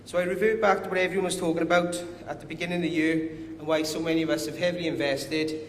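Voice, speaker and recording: The speaker is a man presenting at a conference as a company director, his strong Welsh accent carried in a slightly high, flat voice that moves quickly. A little nervous, he tends to put himself down. Echo from the hall and faint noise colour the recording.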